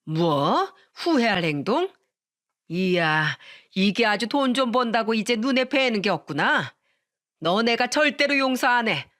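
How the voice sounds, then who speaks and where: A woman's voice: fairly high pitch, expressive, a little slow, fairly bright tone. A woman voicing a spiteful older mother-in-law in a radio story, wailing, scolding and cursing.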